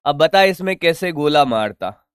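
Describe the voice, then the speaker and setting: A man's voice: a little high, expressive, unhurried, clear, resonant tone, no echo, studio quality. A man teaching a physics lesson in a chatty, teasing way, working through circuit problems and answering his own students' questions. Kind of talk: online physics lesson at a board.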